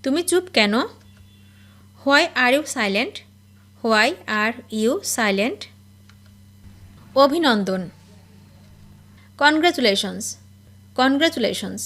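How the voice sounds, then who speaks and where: A woman teaching spoken English, reading each phrase and then repeating the English slowly and clearly. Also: fairly high pitch, animated, fairly bright tone. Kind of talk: slow phrase-by-phrase language drill.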